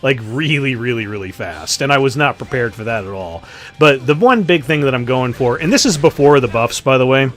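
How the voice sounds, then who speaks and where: A man's voice: medium pitch, animated, brisk, a bit bright, soft background music. A man giving casual, joking commentary over his game matches, swearing freely. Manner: profane, joking, offhand. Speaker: gaming commentator.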